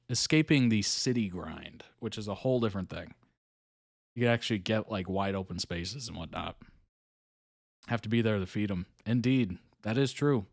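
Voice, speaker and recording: Musing aloud with fillers and little chuckles, a young man runs a live reaction stream in a casual, chatty style. He speaks in a lowish voice, captured cleanly in a studio with no echo.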